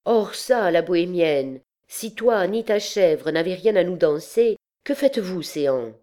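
A woman's voice: on the low side, moderate pace, dark tone, natural voice. Woman putting on a haughty old noblewoman. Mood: indignant. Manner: solemn, reproving. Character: stern noble lady, haughty older mother.

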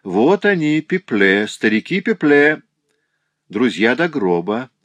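A man reading an audiobook and voicing a cheerful, bustling old concierge woman with loud, bubbly exclamations. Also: mid-range voice, animated, measured pace, dry recording. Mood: jolly.

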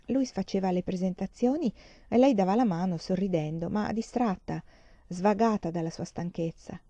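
A woman reading a novel aloud as an audiobook narrator, in a measured, expressive way. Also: mid-range voice, no echo. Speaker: audiobook reader.

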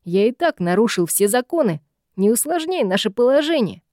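A grim, fanged troll guard from a fantasy audiobook, snapping impatient orders, voiced by a woman narrator. The voice stays mellow in tone rather than harsh. It is recorded close and dry. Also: a little high, big pitch swings, normal speed, dry recording, voice pushed up. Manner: barking, impatient shouts.

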